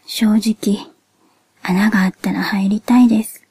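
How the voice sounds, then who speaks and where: A woman hosts a podcast in a breathy near-whisper with a cute, childlike anime quality. Her tone is mellow and soft, and her delivery is gentle, polite and measured. The sound is dry, with no room around it. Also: mid-range voice, steady tone, no room sound. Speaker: podcast host.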